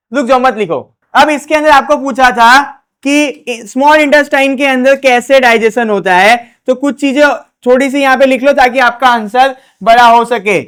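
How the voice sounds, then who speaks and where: Smooth-voiced man teaching a class. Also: very high-pitched, fairly bright tone. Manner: asks questions and answers them himself. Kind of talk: classroom lecture.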